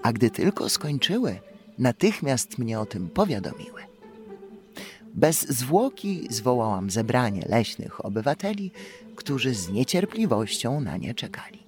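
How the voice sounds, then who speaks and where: A man narrating a children's audiobook in an expressive storytelling manner. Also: mid-range voice, measured pace, faint music behind.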